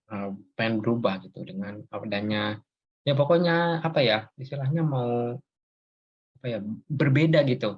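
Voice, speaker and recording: A man's voice: mid-range voice, slightly rough. A young man hosting a casual chat, rambling with many fillers and laughing as he talks. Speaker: host. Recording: dull lo-fi sound.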